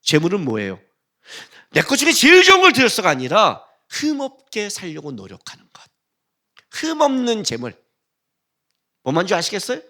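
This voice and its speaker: A man preaching a sermon as pastor, animated and conversational, often asking the congregation questions. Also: high-pitched. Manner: animated, acts out God's blunt rebukes in a rough voice.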